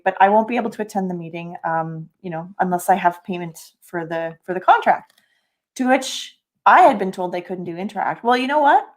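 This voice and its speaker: Middle-aged woman, reflective podcast co-host. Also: mid-range voice. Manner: reflective, self-deprecating. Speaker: podcast co-host and business coach. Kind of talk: casual podcast conversation.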